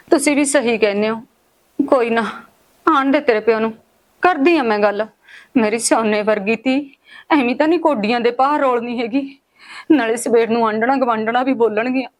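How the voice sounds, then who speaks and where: A woman's voice: on the high side, normal speed, close to an everyday voice. A woman playing a worried rural mother who pleads with her children and confronts her husband over their daughter's match. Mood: troubled. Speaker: mother in a family drama. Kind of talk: village short-film acting.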